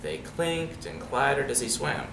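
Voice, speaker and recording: A medium-pitched man reads a picture book to children unhurriedly, expressive and conversational, frequently turning to ask them questions and making casual asides. The recording is roomy and distant, with background noise clearly present.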